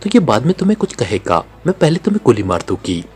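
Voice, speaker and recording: A man's voice: mid-range voice, huge pitch swings, quick pace, a little mellow, slightly rough. A man voicing a stern commanding villainess. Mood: furious. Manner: stern, snapping. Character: harsh, commanding female villain leader.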